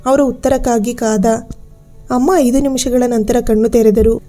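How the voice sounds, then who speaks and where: A woman storyteller giving a steady, measured scripted narration of a ghost story. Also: on the high side, soft background music.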